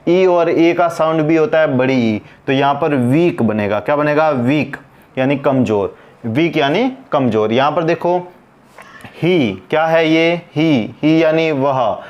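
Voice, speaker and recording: A man's voice: a little high, takes it slowly, a little mellow, muffled recording. A man teaching an English pronunciation lesson, asking questions and answering them himself as he repeats each word.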